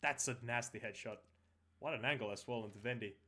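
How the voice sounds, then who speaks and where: A man giving casual, somewhat halting esports commentary over a video game match. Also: mid-range voice, pushed and bright. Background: in-game audio bleeding through.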